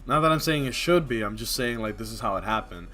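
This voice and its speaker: A man with a medium-pitched voice chatting loosely with his viewers while he plays a game. He rambles, leans on filler words and laughs often, with faint music playing behind him. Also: animated, fast, sharp tone. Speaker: game streamer. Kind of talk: casual live-stream chat while gaming.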